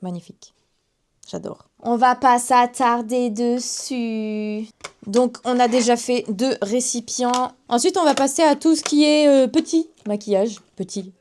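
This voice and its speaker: A woman's voice: on the high side, moderate pace, a little mellow, a little hiss or hum. Young woman, 19, casual beauty vlogger, rambling and self-mocking. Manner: chatty, self-mocking asides. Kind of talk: casual makeup haul chat to camera.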